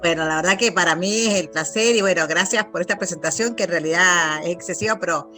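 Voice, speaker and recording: A woman's voice: on the low side, quick pace, bright, forceful tone, soft background music. A middle-aged Argentine woman answering interview questions in a thoughtful, reflective way, often checking in with short question tags. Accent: Argentine Spanish. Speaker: interview guest, lawyer and researcher.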